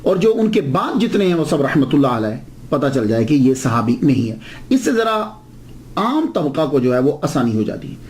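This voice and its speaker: A man's voice: on the high side, big pitch swings, normal speed, darkish tone. A man giving a religious lecture, explaining terms and asking and answering his own rhetorical questions. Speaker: Islamic preacher.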